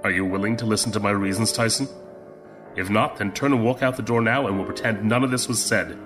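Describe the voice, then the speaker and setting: An actor playing a commanding older admiral in an audio drama, measured and conspiratorial, with music behind. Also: male voice, on the low side, steady tone, close to an everyday voice. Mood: stern. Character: stern older male imperial admiral, conspiratorial.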